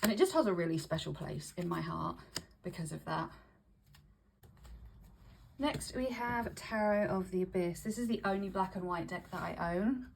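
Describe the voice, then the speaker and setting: Breathy, slightly low-voiced woman chatting casually. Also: sing-song, normal speed, pauses often, slight background noise, low-quality recording. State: breathy and short of breath from hay fever. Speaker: vlogger showing tarot decks. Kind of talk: casual chat to camera.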